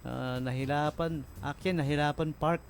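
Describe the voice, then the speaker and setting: A man's voice: fairly high pitch, steady tone, normal speed, vocal fry, a little hiss or hum. A man putting on a friend's mock Chinese accent, with choppy, broken grammar. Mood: complaining. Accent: mock Chinese accent in Tagalog. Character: middle-aged man friend, halting broken speech.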